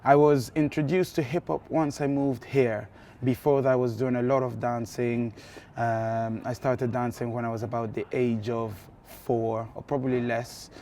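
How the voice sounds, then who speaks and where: A man, talking to camera about his career as a dance school director, relaxed and steady with frequent ums. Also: mid-range voice, moderate pace, a little hiss or hum. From Italy.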